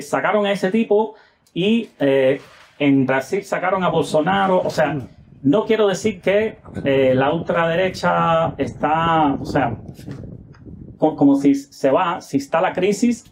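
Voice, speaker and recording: A man's voice: fairly high pitch, measured pace, slight background noise. A man from the United States giving casual political commentary as a guest, hesitant, with many filler sounds and rhetorical tag questions.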